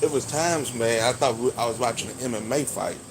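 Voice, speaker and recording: A man of average pitch chats casually about fights as a sports vlogger. His delivery is slangy and emphatic, like someone giving an off-the-cuff reaction. Clear ambient noise sits behind his voice. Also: brisk. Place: at his workplace.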